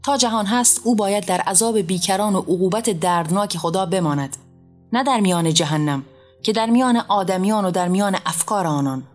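A woman's voice: fairly low pitch, faint music behind, lightly acted. Woman voicing a roaring wrathful god. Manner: shouting, commanding. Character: wrathful almighty male deity on a throne.

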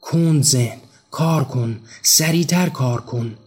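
A man's voice: mid-range voice, a little mellow, husky, faint music behind, natural voice. A man voicing a bitter young male laborer, barking harsh commands and insults.

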